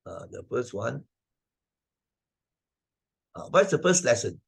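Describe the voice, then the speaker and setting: Speaking slowly in a creaky, mid-range voice with big pitch swings, an older man with a Malaysian accent gives a conversational moral lesson in an online video presentation. He repeats key points emphatically and regularly uses tag questions to check in.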